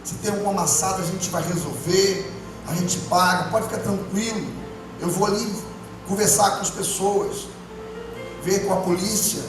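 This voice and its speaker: High-voiced pastor preaching in an echoey church. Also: male voice, fairly even intonation, normal speed. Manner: impassioned, swinging from hushed to loud. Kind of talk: emotional testimony sermon. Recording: echoey church hall from far off, music behind.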